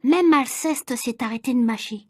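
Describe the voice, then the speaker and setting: Woman, storybook read-aloud, clear and measured, high voice, dry close sound. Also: no room sound. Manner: clear, measured, expressive reading. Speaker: reader.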